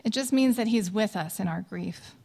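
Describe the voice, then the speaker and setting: A woman in her thirties who grew up in Indonesia, earnestly and gently introducing a worship song she wrote. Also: medium pitch, normal speed, gravelly. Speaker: songwriter. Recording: long reverb with soft music behind.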